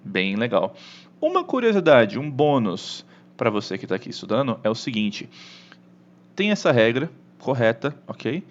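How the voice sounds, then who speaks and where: A man with a Brazilian Portuguese accent teaching an English lesson online, animated, often checking in with the listener. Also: mid-range voice, normal speed, dull audio.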